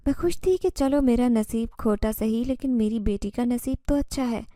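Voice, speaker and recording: Dark-toned woman narrating a horror story. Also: fairly high pitch, dry recording, clean studio sound.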